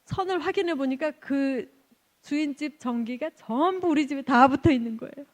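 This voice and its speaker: A woman missionary giving an animated testimony at a church service, laughing often and acting out the people in her stories. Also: sits high, normal speed. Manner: animated, laughs often, acts out quoted exchanges. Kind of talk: lively storytelling testimony.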